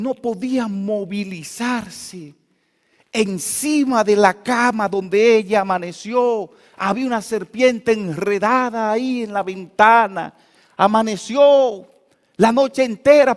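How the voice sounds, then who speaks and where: High-voiced preacher in a reverberant church. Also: male voice. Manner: storytelling preacher, swings from quiet to loud emphatic peaks. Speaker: pastor. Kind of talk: sermon. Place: church hall. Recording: long church hall reverb.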